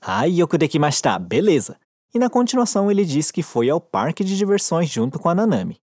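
A woman with a Brazilian Portuguese accent teaching Japanese in a recorded lesson, patient and encouraging, slowing down to model each phrase. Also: sits low, big pitch swings, darkish tone, no echo, studio quality.

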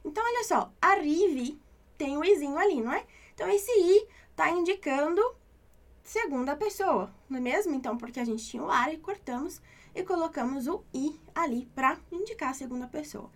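A woman's voice: sits high, expressive, a little fast. A woman with a Brazilian Portuguese accent teaching an Italian lesson, patiently repeating each point and checking in with the listener. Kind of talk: online language lesson.

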